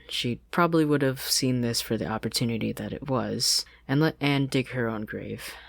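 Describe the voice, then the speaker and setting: A podfic narrator with a gravelly, mid-range, slightly bright voice narrates a scripted fan fiction story up close. The recording on the studio-style desk microphone is dry.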